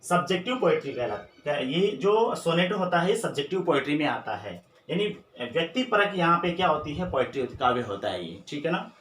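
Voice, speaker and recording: A man's voice: on the high side, very animated, brisk, few pauses, fairly bright tone. A man teaching an exam-prep lesson, who keeps repeating key terms and asking rhetorical questions. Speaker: English teacher. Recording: echoey room with faint noise.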